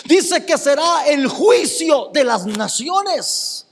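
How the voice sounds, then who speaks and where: A man's voice: very high-pitched, big pitch swings, drawn-out words, in a large hall. A male pastor preaching a fervent sermon, firing rhetorical questions at the congregation.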